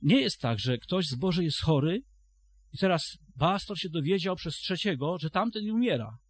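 A man's voice: on the high side, lively intonation, moderate pace, no room sound. A man preaching a sermon to a congregation, retelling a story and then addressing his listeners directly, often restarting his phrases.

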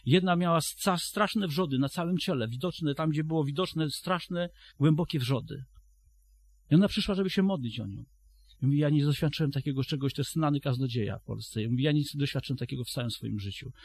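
A man's voice: on the high side, a little fast, breathy edge, no room sound. A man preaching a sermon to a congregation, retelling a story and then addressing his listeners directly, often restarting his phrases.

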